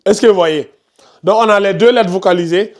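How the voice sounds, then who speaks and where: A man's voice: sits high, normal speed. Man teaching tajwid in an online class. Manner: repetitive, pointing out details on screen, scolds noisy students. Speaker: Quran recitation teacher.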